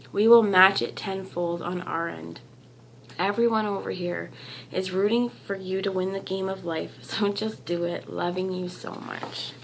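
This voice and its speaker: Woman tarot reader, gravelly, losing her voice. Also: mid-range voice, a little hiss or hum, low-quality recording. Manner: gentle, encouraging, rambling with restarts. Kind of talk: channelled tarot reading.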